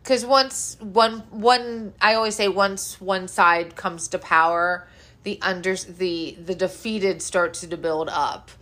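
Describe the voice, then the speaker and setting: A woman hosts a loose, casual podcast chat about pop culture. She laughs easily and swears without a second thought, keeping things relaxed and informal. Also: fairly low pitch, slow. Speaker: podcast host.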